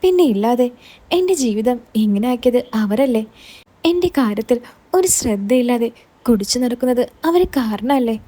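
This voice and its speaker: A woman's voice: fairly high pitch, expressive, normal speed, warm tone. A woman voicing a weary, bitter middle-aged aunt who speaks in a sorrowful, resigned way.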